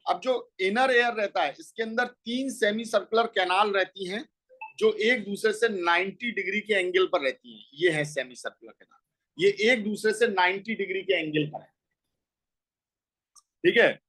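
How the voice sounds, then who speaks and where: Speaking at a normal pace in a high, sharp voice, a man lectures a school biology class. He moves step by step, raising his own questions and answering them, and the audio quality is low.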